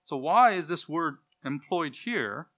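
A man preaching an expository Bible lesson, stressing key words loudly and dropping to quiet asides, with Hebrew pronunciations of names. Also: on the high side, expressive, unhurried. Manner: emphatic, swings from loud stresses to quiet asides.

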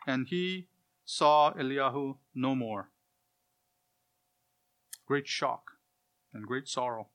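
Guy teaching a bible passage, punchy emphasis then soft asides, says names the hebrew way, mid pitch. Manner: emphatic, swings from loud stresses to quiet asides; uses Hebrew pronunciations of names. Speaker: preacher.

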